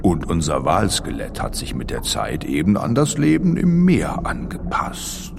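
A man's voice: sits low, huge pitch swings, a little slow, creaky, in a large hall, background noise, heavily acted. A man playing an easygoing, boastful, friendly giant blue whale, explaining things colloquially in a playful children's audio feature. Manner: colloquial, addresses the young listener directly.

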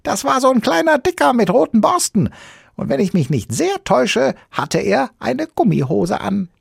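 A man's voice: sing-song, normal speed, vocal fry, husky, no echo, clean studio sound, full character voice. A man voicing a cheeky little magical creature with a pig snout, reading a children's book aloud. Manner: shrill, loud, bold. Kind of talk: audiobook reading.

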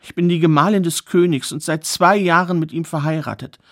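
Guy doing a frantic young queen in a fairy tale, voice pushed way up high, pleading and alarmed. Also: steady tone, a little fast, fairly bright tone. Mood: distraught. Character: young queen, anxious and distraught.

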